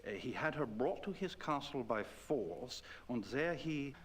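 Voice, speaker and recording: A man voicing a solemn man in a point-and-click game who recounts a werewolf legend in a measured way. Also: medium pitch, lively intonation, husky. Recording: game audio with music behind.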